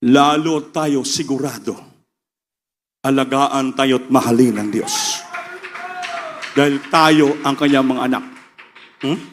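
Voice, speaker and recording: A man with a Filipino accent preaching a sermon with passion, swinging between loud preaching and quieter asides. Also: mid-range voice, fairly even intonation, slow pace, pauses often, slight background noise.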